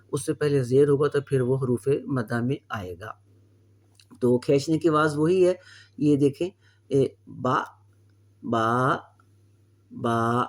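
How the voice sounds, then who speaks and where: A man walks learners through a reading lesson, patient and explanatory. He draws out each sound slowly in drills. His voice sits at an ordinary middle pitch for a man. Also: darkish tone. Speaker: Quran reading teacher.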